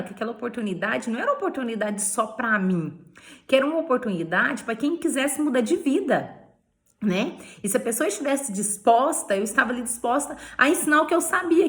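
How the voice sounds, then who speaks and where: A Brazilian woman telling her sales career story in a playful way, laughing often and tagging lines with "né?". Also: on the high side. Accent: Brazilian Portuguese. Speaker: beauty sales director. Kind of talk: personal testimony vlog.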